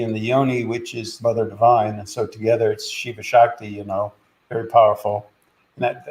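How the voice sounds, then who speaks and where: Gravelly man, halting podcast talk. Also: medium pitch, rough recording. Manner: halting, many fillers and restarts. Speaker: podcast host and spiritual teacher. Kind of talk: casual spiritual talk.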